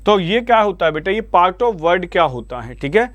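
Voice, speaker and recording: A man's voice: high-pitched, big pitch swings, normal speed, fairly bright tone, no room sound. A man with an Indian accent teaching an online vocabulary lesson, coaxing his students along and asking them for answers again and again. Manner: coaxing, repeatedly addresses students as "beta".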